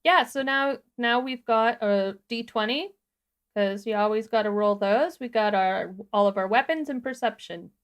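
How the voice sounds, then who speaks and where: A woman co-hosts a livestreamed software tutorial, casually talking through each step as she performs it. She speaks at normal speed in a voice on the high side.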